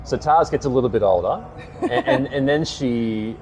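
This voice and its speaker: A man hosting a casual interview, asking friendly questions at a brisk clip. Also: medium pitch, animated, a little mellow, slight background noise, rough recording. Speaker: podcast host, interviewer.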